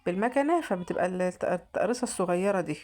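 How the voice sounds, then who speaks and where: A woman's voice: mid-range voice, steady tone, very fast, darkish tone, slight background noise. A woman with an Egyptian accent, narrating her home cooking in a chatty, casual way and often restarting her sentences. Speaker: vlogger.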